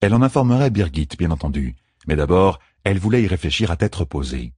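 A man narrates an audiobook in a measured, expressive way. His voice is husky and moves a lot in pitch. It is recorded close and dry. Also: dry recording. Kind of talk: scripted narration.

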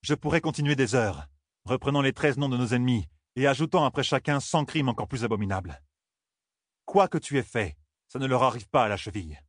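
A man voicing a young male hero in an audiobook, stern and commanding, rising to shouts when angered. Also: mid-range voice, animated, fairly quick, dry recording, studio quality, pitched above the performer's own voice, natural voice.

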